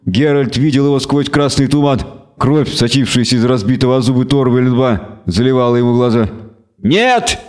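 A man narrates a fantasy novel in a steady, measured reading voice. His pitch sits in the middle range for a man. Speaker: audiobook narrator. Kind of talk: scripted audiobook narration.

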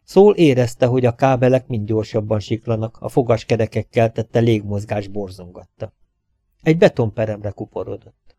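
Mellow male audiobook narrator. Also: lowish voice, no echo, studio quality. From Hungary. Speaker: audiobook reader.

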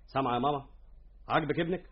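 An actor with an Egyptian Arabic accent playing an elder brother who runs a workshop in a radio drama, giving orders brusquely. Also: male voice, mid-range voice, racing, close to an everyday voice. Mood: stern. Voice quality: commanding, brusque. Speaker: workshop owner. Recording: dull lo-fi radio recording with faint noise.

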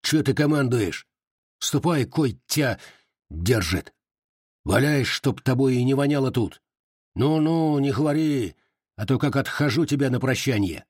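A man's voice: mid-range voice, lively intonation, measured pace, a little mellow, slightly rough, no room sound, studio quality, voice pushed up. A man reading the part of a grim, hot-tempered Cossack veteran in an audiobook, clipped and cold in delivery. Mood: furious.

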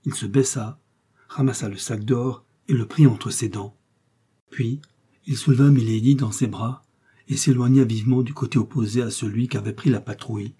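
Male audiobook narrator: measured storytelling, warm-dark and husky timbre. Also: mid-range voice, steady tone. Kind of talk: scripted narration.

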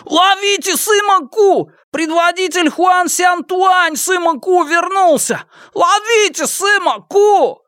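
A man voicing a cowardly village man who grovels and begs for mercy in a high, pleading whine. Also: slow pace, few pauses, pushed and bright, no echo, studio quality, exaggerated voice. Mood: shouting.

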